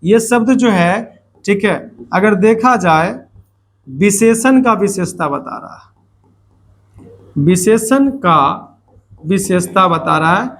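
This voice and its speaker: A man's voice: high voice, expressive, slow, long pauses, fairly bright tone, a little hiss or hum. A man teaching a grammar lesson to students, repeating points and asking questions that he answers himself, with playful asides.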